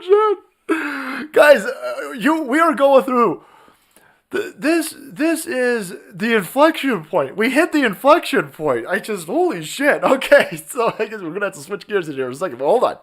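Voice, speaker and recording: A man's voice: extremely high pitch, big pitch swings, normal speed, a bit bright. A man on a live stream, ranting in a profane, mocking way and laughing often.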